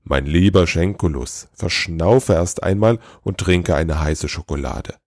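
A man voicing a weary, kindly old Santa who speaks slowly and calmly, read as a storybook figure. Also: low voice, no echo, clean studio sound. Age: older. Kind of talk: storybook reading.

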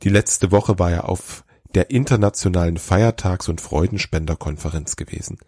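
A man narrating a scripted story in a measured storybook way. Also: deep voice, warm tone, breathy edge, no room sound, clean studio sound.

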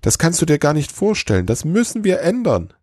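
A man's voice: big pitch swings, a little mellow, slightly rough, no room sound, studio quality, full character voice. Schenkulus, a breathless eager elf, as a man puts him on. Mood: enthused. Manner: high, rushing, breathless eagerness. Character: excitable small male elf, breathless and eager. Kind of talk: storybook reading.

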